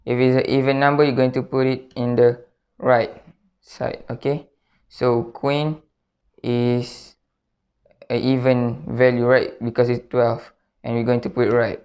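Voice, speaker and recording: A man explains something step by step as a tutorial presenter. His mid-pitched voice stays very level and moves slowly, repeating instructions and checking in as he goes. The sound is slightly dull and lo-fi. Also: level tone, darkish tone. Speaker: card trick tutorial presenter.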